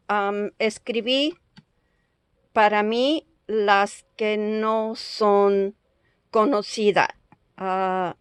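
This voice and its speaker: A woman teaching English letter sounds, repeating each sound slowly several times and giving the word's meaning. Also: mid-range voice, smooth, no room sound. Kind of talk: slow step-by-step lesson with sound drills.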